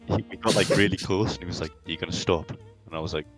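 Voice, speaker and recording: A man's voice: low voice, fairly even intonation, fast talker, a bit bright, faint music behind, rough recording. A young man, rambling through anecdotes on a casual podcast. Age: young adult. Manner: rambling anecdotes full of fillers. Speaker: podcast co-host. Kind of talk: casual chat.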